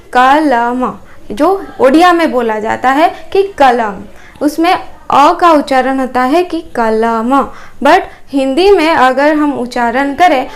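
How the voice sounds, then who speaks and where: Brief: Odia-accented woman teacher, high voice, unhurried grammar lesson. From Odisha, India. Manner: explanatory, with repeated examples and fillers.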